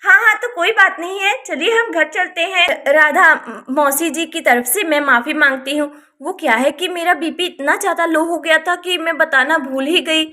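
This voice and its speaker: A woman voicing a busy, practical young village woman in a doll story, speaking briskly. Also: very high-pitched, pushed and bright. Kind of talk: Hindi doll-story voice acting.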